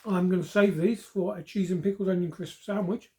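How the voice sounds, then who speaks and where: Mellow woman reviewing snacks. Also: on the low side, steady tone, fairly quick. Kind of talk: casual food review.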